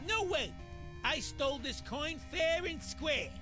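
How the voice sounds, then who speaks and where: A shifty little cartoon game mouse, squeaky and very high. He is defiant and jumpy, drawing out his words with big swings in pitch. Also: lively intonation, takes it slowly, over music, exaggerated voice.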